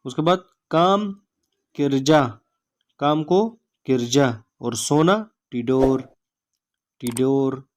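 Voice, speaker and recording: Slow, repetitive male language tutor. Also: mid-range voice, noisy background. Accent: Pakistani. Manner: says each word slowly, repeats it, adds "theek hai" after it. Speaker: language teacher. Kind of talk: slow vocabulary lesson.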